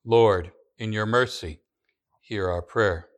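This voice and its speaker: Smooth-voiced man reciting church prayers. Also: fairly low pitch. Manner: slow, measured recitation with small restarts. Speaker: pastor. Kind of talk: liturgical prayer reading.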